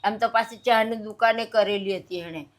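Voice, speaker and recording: A woman's voice: mid-range voice, steady tone, moderate pace. An older woman, crying as she tells of her hardships in an interview, pleading and repeating herself. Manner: tearful, pleading, repetitive. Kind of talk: emotional personal account.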